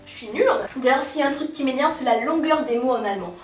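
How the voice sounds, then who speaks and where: A woman's voice: high voice, animated, very fast, music in the background. A teenage girl from France talking in a sarcastic, playful, slangy comic vlog monologue. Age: teens. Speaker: vlogger. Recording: roomy, from a distance.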